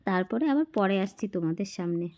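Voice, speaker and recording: A middle-aged woman with a hoarse voice from a cold, narrating a daily vlog as a chatty voice-over to her viewers. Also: mid-range voice, expressive, quick pace, background noise. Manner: chatty, addresses viewers as friends. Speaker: vlogger.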